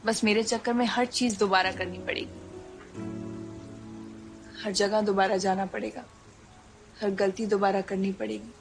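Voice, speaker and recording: A woman's voice: mid-range voice, natural voice. An actress playing a young woman who pleads with her older partner, mixing Hindi and English in her speech. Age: young adult. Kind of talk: film dialogue.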